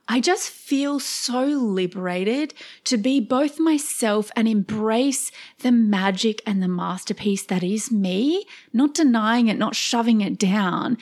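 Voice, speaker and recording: A woman's voice: a little high, a little mellow. A woman hosting her own podcast, talking in a gushing, emotional and heartfelt way, often laughing. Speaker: podcast host. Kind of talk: scripted intro, then heartfelt solo podcast talk.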